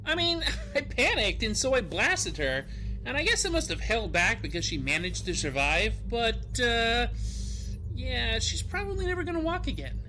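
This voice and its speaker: A woman voicing an awkward, crude young man who rambles excitably and swears a lot. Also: moderate pace, soft background music, rough recording. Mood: excitable. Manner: excitable, rambling and profane, jumps in pitch. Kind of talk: animated comedy voice acting.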